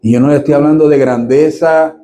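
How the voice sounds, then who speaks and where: Mellow-voiced preacher, lively sermon. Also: male voice, on the high side, brisk. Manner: lively, jokes with the congregation, addresses listeners directly.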